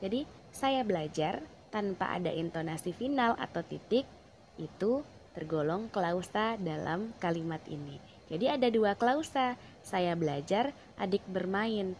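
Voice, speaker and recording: Woman teacher, unhurried classroom explanation, emphatic stresses on key words. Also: mid-range voice, expressive, darkish tone, a little hiss or hum. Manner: slow, deliberate, stresses words with rising emphasis.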